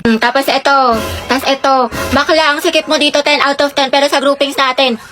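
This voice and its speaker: A woman's voice: high-pitched, steady tone, brisk. A young woman, acting out teasing classmate banter in comedy skits. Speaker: skit performer. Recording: music bed behind.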